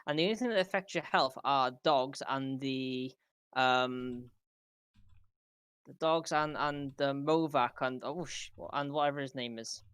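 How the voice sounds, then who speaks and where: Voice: medium pitch, a little slow, a bit bright, clear, resonant tone, no room sound. A podcast guest talking casually about a video game, often repeating and stumbling over words. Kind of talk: casual gaming podcast chat.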